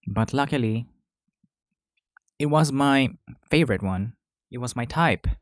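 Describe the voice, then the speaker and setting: A male podcast host chats casually while eating, rambling, chewing between phrases and correcting himself. His medium-pitched voice has lively intonation and a measured pace, with no echo.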